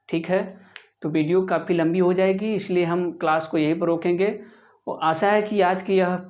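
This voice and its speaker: A man's voice: on the high side, a little mellow. Hindi-speaking male teacher on muffled audio. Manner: repeats his own questions and answers them; counts through steps of the working aloud. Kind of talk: exam-prep math lesson. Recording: slightly muffled lo-fi sound.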